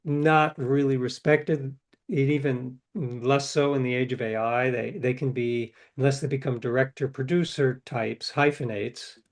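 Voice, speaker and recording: A middle-aged male author, appearing as an interview guest, tells stories in a reflective, anecdotal way with hesitant restarts. His medium-pitched voice is steady in tone and unhurried.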